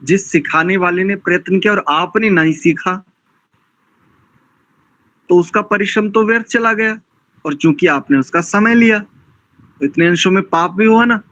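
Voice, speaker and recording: A man teaching Vedic mantra pronunciation, who chants verses slowly and then corrects his students patiently. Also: high-pitched, fairly bright tone, dry recording, low-quality recording. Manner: admonishing, didactic. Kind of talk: recitation lesson with slow mantra chanting.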